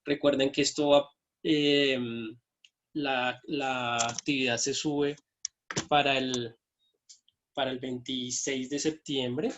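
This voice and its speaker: A man's voice: mid-range voice, little pitch movement, slow pace, a bit bright, dull audio, slight background noise. A man teaching an online math lesson from his computer, explaining each step and checking in with his students.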